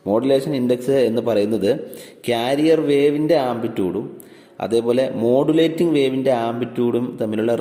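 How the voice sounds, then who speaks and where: A man teaching a class, explaining each point step by step, asking questions and answering them himself, and reading definitions out slowly. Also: medium pitch, mellow. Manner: reads English definitions slowly word by word. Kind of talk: classroom lecture explaining electronics. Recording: echoey room with long reverb.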